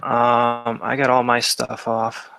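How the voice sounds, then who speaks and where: A man in a casual debate, heard over a video call, explaining in a halting way and repeating his words. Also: mid-range voice, monotone, creaky, pushed and bright, rough recording. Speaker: debate participant.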